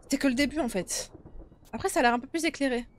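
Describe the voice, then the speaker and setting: Higher-voiced young woman streaming. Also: fast talker, a little hiss or hum. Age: young adult. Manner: informal, chatty, swearing. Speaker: game streamer. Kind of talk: casual live horror-game commentary. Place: small indoor streaming room. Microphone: close desktop streaming microphone.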